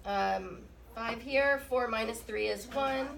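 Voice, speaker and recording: Though she's ill and her voice is rough, this math teacher quizzes and jokes with her class. She talks slowly in a fairly high, slightly bright voice with vocal fry, captured on a low-quality recording.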